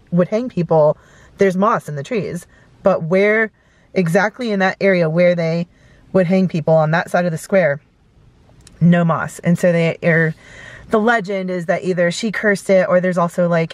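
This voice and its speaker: A woman's voice: on the low side, dry recording. A woman in her thirties, chatting casually into a camera from inside her car, rambling with lots of fillers. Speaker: vlogger. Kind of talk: casual storytelling. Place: inside a parked car at night. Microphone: camera close in front.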